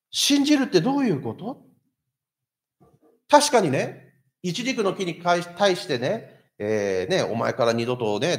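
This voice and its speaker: A man preaching a sermon as pastor, asking the congregation rhetorical questions. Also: on the high side. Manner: lively, asks the listeners rhetorical questions.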